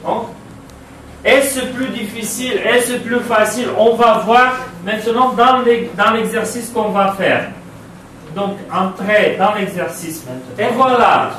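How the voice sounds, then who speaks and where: Romanian-accented guy teaching french spelling, slow and halting, lots of euh, far off in a super echoey classroom. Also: high voice, fairly bright tone, a little hiss or hum. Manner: slow, halting delivery with frequent "euh", spelling out letters and repeating words. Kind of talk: classroom lesson on spelling rules.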